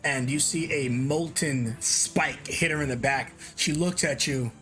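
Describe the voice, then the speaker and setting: Game master, male, bright higher voice, lively scene narration, faint music under. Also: a little slow.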